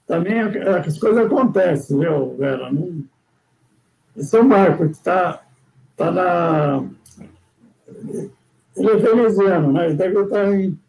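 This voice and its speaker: An older Brazilian man, the guest sailor, tells sailing stories in a casual, rambling chat, often restarting and tagging sentences with "né?". His voice is high with vocal fry and a darkish tone, and the audio quality is poor.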